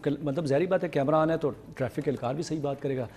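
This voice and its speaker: A man's voice: fairly high pitch, darkish tone, slight background noise. A man speaking as a guest on a TV talk show, earnest and repeatedly cutting in to make his point. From Pakistan. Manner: earnest, interjecting, repeats himself. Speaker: studio guest.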